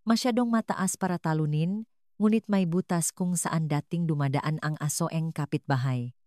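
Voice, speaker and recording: A woman telling a dramatic first-person story in an earnest, measured narration. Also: low-pitched, warm tone, dry recording, clean studio sound.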